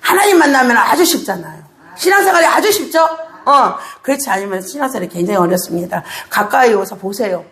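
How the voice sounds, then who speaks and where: High-voiced woman pastor preaching in an echoey church. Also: fast talker. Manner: animated, asks the congregation rhetorical questions, laughs often. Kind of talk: sermon. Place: church sanctuary.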